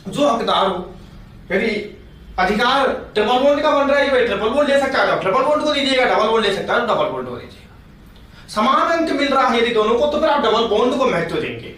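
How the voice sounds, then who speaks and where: Lively and fairly quick, a male chemistry teacher speaks in an extremely high, fairly bright voice, patiently going back over points and putting questions to the class. He's picked up by a distant mic in a very echoey room with faint background noise.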